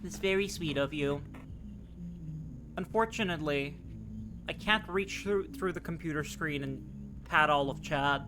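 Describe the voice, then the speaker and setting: A man's voice: on the high side, measured pace, long pauses, noisy background. A man giving casual, chatty livestream commentary on a game, informal and wry, swearing now and then. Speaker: game streamer.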